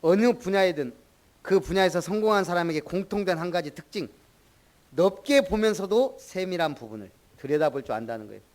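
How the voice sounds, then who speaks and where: A middle-aged pastor from in Korea preaches. His voice sits a little high for a man. He keeps the sermon conversational and calls on congregation members by name. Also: lively intonation, brisk, darkish tone. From Jeolla, Korea.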